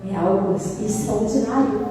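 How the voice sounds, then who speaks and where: A woman's voice: mid-range voice, measured pace, dark tone, slight background noise. A woman preacher giving a fervent testimony sermon, telling her story dramatically and slipping into sung phrases. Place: large echoey church hall. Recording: echoey hall, distant mic, faint music.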